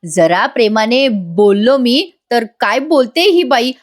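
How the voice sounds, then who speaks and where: A woman's voice: fairly high pitch, slow pace. A woman voicing a proud, grumpy young man in a serial recap, boastful and taunting. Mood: mocking.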